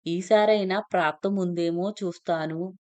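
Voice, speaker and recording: A woman voicing a devout older mother-in-law who talks in a hurried, bossy way. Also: lowish voice, steady tone, darkish tone, lightly acted. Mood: eager.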